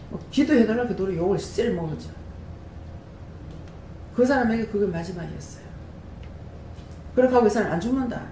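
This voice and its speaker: A woman, a prayer house director, giving an animated testimony sermon and throwing rhetorical questions to the congregation. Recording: echoey room with faint rumble.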